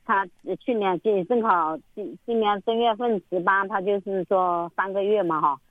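A woman's voice: medium pitch, moderate pace, no room sound. A middle-aged woman calling in to a radio show, telling a long story in a rambling, repetitive way. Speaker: caller. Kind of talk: phone-in call. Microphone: phone. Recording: tinny phone line, dry.

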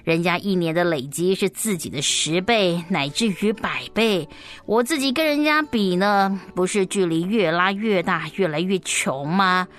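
A woman's voice: on the low side, moderate pace, a bit bright, natural voice. A woman voicing a discouraged, envious farmer in a children's story, lamenting his lot as if reading to small children. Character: discouraged, envious farmer comparing himself to the rich.

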